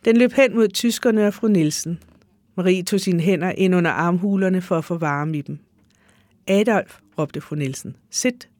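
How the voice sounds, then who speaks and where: A reader narrates literary prose in a measured, even way. The voice sits at a middle pitch, and the recording is dry and close, with no room sound. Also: no echo. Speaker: audiobook reader. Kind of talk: literary reading.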